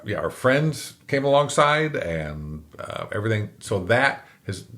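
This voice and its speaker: A man's voice: on the low side, big pitch swings, unhurried, fairly bright tone. A middle-aged man, a comedian guest on an interview show, telling candid stories and acting out the voices in them with self-mocking humor. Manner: self-deprecating, acts out quoted exchanges. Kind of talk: candid conversational storytelling.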